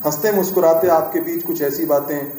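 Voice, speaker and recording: A man's voice: a little high, fairly even intonation, a little fast, warm tone. A middle-aged man, a satirical poet, addressing a live audience in an earnest, reflective way before reading his verse. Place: large echoey hall. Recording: echoey live hall sound.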